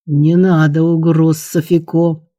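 A passionate, domineering young nobleman in a storybook, voiced by the male reader. He speaks slowly and forcefully in a mellow, fairly high voice that stays level. The sound is dry and close. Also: little pitch movement, no echo.

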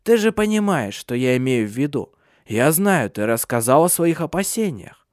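A man doing a sharp, scornful old witch. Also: fairly high pitch, sing-song, moderate pace, no room sound, clean studio sound, voice pushed up. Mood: scolding. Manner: sharp, scolding, imperious. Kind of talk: audiobook character voice.

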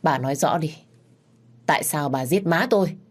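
A woman's voice: sits low, normal speed. A woman voicing an angry young man who demands answers in a spoken story. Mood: demanding. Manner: accusing, demanding. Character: angry young man defending his mother.

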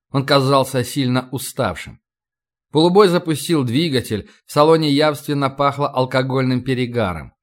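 A man narrating an audiobook in an even, measured reading. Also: mid-range voice. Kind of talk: scripted narration.

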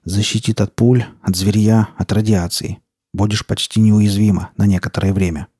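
A man voicing a gruff, grim older forest stalker who gives curt orders, in an audiobook. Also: lowish voice, steady tone, moderate pace, warm tone, dry recording, studio quality. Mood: gruff, stern. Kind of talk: audiobook character voice.

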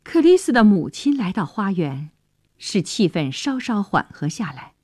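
A woman's voice: mid-range voice, very animated, normal speed, darkish tone, slightly rough, no room sound. A woman telling a story on the radio, narrating expressively and dramatically in a studio.

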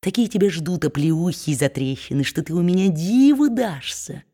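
A woman's voice: on the low side, animated, moderate pace, mellow, slightly rough. A woman voicing a spiteful, gloating male dwarf moneylender who bullies and mocks with false sweetness. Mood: mock-sweet. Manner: sneering, bullying, mock-sweet.

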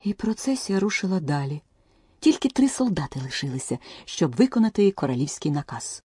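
Husky, low-voiced woman narrating a storybook. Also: a little fast, dry recording, clean studio sound. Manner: lively, acted-out reading. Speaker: audiobook narrator.

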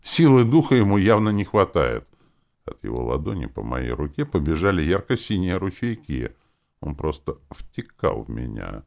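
A man's voice: sits low, very animated, moderate pace, creaky, a little mellow. A man narrating a first-person audiobook in a brash, irreverent storytelling manner.

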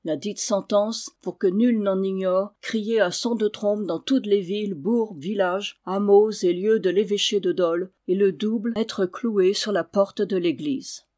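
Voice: medium pitch, steady tone, measured pace, few pauses, lightly acted. A reader doing a solemn herald crying a decree. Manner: loud formal declaiming. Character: male herald crying a ducal proclamation. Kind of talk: audiobook reading.

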